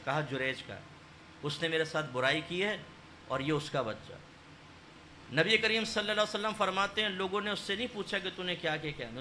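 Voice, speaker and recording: A male Islamic preacher tells stories in a sermon, his high, sharply bright voice swelling into loud exhortation and falling to hushed narration. A faint hiss of noise sits behind him.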